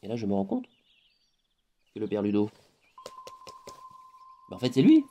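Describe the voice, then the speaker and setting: A man improvising a casual monologue, animated and laughing often as he acts out conversations. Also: on the low side, normal speed. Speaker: spiritual vlogger.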